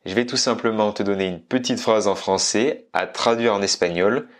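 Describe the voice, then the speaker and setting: A man's voice: lowish voice, normal speed. A man hosting a casual video lesson, chatting directly with the viewer and slipping Spanish phrases into his explanations. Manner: drops into Spanish phrases between French explanations. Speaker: Spanish teacher and channel host.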